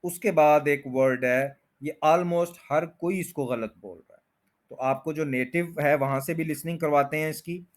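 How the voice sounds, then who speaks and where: A man teaching English pronunciation in Hindi, repeating words slowly to show their stress. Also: fairly high pitch. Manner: slow, drawn-out repetition of words with stress. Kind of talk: pronunciation lesson explained in Hindi.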